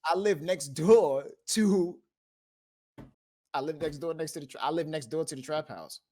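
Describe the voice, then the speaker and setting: A man's voice: on the high side, moderate pace. A man from the Bronx telling stories in a casual live-stream group chat, acting out the quotes and laughing often over a voice call. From the Bronx, New York. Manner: animated storyteller who laughs often and acts out quotes. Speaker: streamer and discussion host.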